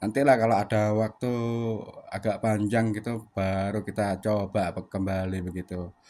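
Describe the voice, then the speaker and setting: A ham radio operator and channel host from Surabaya, Indonesia, chats casually on air, full of fillers, and ends each turn with the sign-off word "ganti". His voice is fairly low-pitched and mellow, flat in delivery at a moderate pace.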